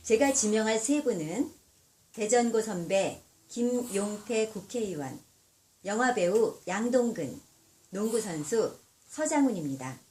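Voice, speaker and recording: A woman delivering a scripted personal message for a charity challenge, speaking politely and formally in short, measured phrases. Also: medium pitch, lively intonation, mellow.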